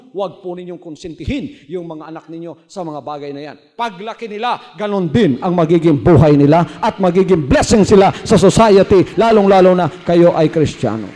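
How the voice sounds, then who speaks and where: A male pastor delivers a sermon in a fairly high voice. He preaches emphatically, swelling suddenly louder to drive home his points. His voice carries a long echo, as if he is in a large hall. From Philippines.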